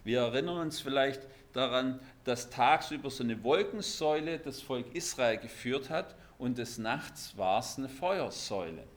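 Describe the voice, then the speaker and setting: Man, preacher, sermon, lively, emphatic, mid-pitched voice. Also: moderate pace, hardly any pauses. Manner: lively, emphatic, shifts between loud stresses and quiet asides.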